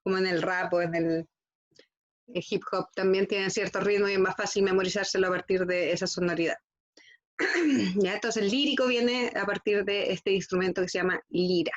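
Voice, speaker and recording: A woman's voice: mid-range voice, fairly even intonation, moderate pace, lo-fi sound. A woman teaching a school lesson, constantly checking in with her students. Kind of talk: classroom lesson.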